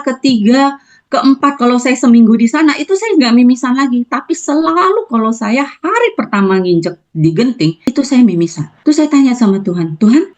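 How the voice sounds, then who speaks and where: Animated woman telling her testimony. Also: fairly low pitch. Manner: animated storytelling, acting out prayers and dialogue. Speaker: testimony speaker. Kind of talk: personal testimony. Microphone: video call.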